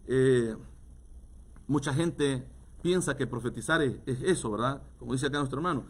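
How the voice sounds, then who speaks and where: Pastor, male, Latin American Spanish accent, chatty sermon delivery, mid-pitched voice. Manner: conversational, many fillers and "¿verdad?", acts out quoted voices. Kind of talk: sermon-style teaching.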